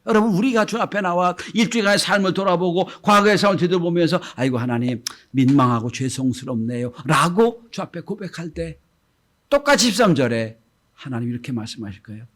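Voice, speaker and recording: A middle-aged male pastor delivers a Sunday sermon in a slightly high voice. He lets his pitch and volume rise and fall widely, softening into tender quoted speech before climbing loud again. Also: animated, fairly quick. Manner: acts out gentle quoted speech, swings between soft and loud.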